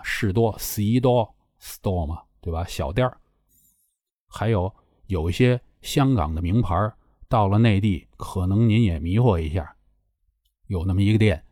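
Husky middle-aged man, lively chatty talk. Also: sits low, dry recording, clean studio sound. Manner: chatty, wry storyteller addressing listeners politely. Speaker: podcast host. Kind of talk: casual solo chat.

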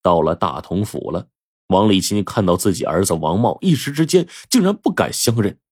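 A male storyteller with a husky, fairly low voice narrates a folk tale with lively, animated swings. The recording is close and dry. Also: normal speed, no echo. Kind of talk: oral storytelling.

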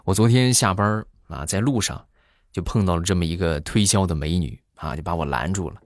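A man in his thirties telling comic stories in a chatty way, filling pauses with drawn-out fillers. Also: low-pitched, dry recording, clean studio sound. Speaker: comedy vlogger. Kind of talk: comic storytelling monologue.

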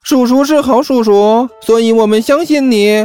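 A man's voice: extremely high pitch, normal speed, mellow, clear, resonant tone, faint music behind, pitched above the performer's own voice. A man voicing a chubby, mischievous boy who plays innocent with a sweet, childish tone. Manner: sweet, wide-eyed childish tone.

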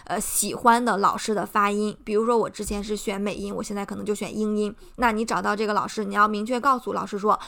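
A woman's voice: mid-range voice, steady tone, fast talker, gravelly, few pauses, a bit bright. A young woman from China hosting a podcast, giving earnest, encouraging advice and explaining it step by step. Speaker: podcast host. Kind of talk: casual advice talk.

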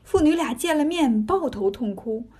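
High-voiced woman telling a folk tale. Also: moderate pace, slightly rough. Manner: lively, folksy colloquial telling. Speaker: storyteller. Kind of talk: storybook narration.

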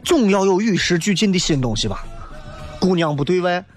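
High-voiced man with a Shaanxi accent. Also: brisk, over loud music. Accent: Shaanxi Guanzhong. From Shaanxi, China. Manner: animated, colloquial, rhetorical questions. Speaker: show host. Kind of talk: humorous ranting monologue.

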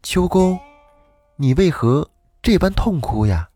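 A man's voice: a little high, sing-song, slow, dark tone, slightly rough, dry recording, soft background music, voice pushed up, heavily acted. A man voicing a kind, playful young woman in her twenties, speaking in a light, raised voice. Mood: gentle.

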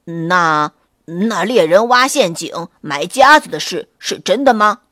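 A woman voicing a big, hungry male gray wolf in a children's story, loud and blustering, slow to catch on. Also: lowish voice, animated, dry recording, studio quality, pitched below the performer's own voice, full character voice. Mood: puzzled.

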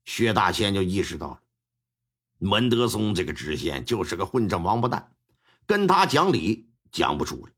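Animated husky male storyteller. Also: fairly low pitch, normal speed. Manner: colloquial, animated, wry asides. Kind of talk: pingshu-style storytelling.

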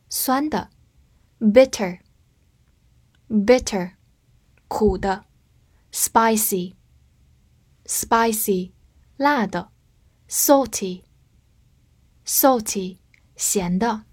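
A woman teaching English vocabulary in a scripted lesson, spelling words out and leading slow read-along drills. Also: on the high side, darkish tone, slightly rough.

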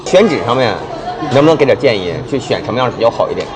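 A man's voice: mid-range voice, animated, fast talker, a crowd in the background, background noise. A man hosting a casual business interview, asking questions and summing up as presenter. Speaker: interviewer and host. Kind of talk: casual business interview with a closing narrated summary.

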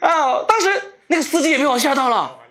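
A man from Shenzhen with a Cantonese accent, doing live stand-up comedy with self-mocking, animated storytelling. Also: very high voice, quick pace. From Shenzhen, Guangdong.

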